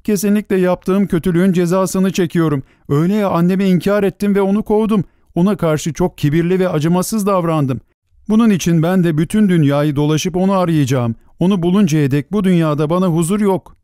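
A man's voice: on the high side, quick pace, a little mellow, smooth, dry recording, clean studio sound, close to an everyday voice. An actor playing a vain, cruel boy who speaks in a haughty, snapping, contemptuous way in a storybook reading. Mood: remorseful.

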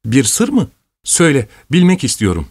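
A man's voice: mid-range voice, wildly swooping pitch, moderate pace, husky, no room sound, studio quality, pitched above the performer's own voice. A man voicing a playful young woman in love, tender and a little sulky, in a storybook reading. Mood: tender, teasing. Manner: teasing and tender, softly sulky.

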